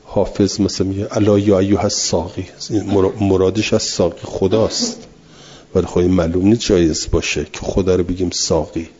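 Low husky male teacher, lo-fi recording. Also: little pitch movement, darkish tone. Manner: reads text aloud, then explains it patiently with repetition; answers students' questions directly. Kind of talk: classroom lecture on scripture. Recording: dull lo-fi recording.

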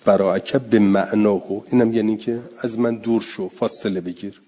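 A man teaching a class, reading Arabic text aloud and explaining it, drawing out repeated words slowly. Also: lowish voice, steady tone, dark tone. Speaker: teacher of Arabic grammar and Quran exegesis. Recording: dull lo-fi classroom recording.

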